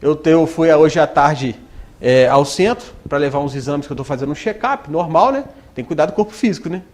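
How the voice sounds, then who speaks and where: Animated spiritist lecturer, lively high voice. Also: male voice, a little fast. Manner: conversational, full of rhetorical questions; acts out quoted voices. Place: spiritist center hall.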